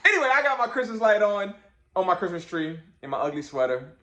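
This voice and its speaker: A man's voice: high voice, big pitch swings, fast talker, bright, forceful tone, reverberant. A middle-aged man co-hosting a podcast with his daughter, talking in a playful, teasing, laid-back way with lots of fillers. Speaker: podcast co-host, father. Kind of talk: casual chat.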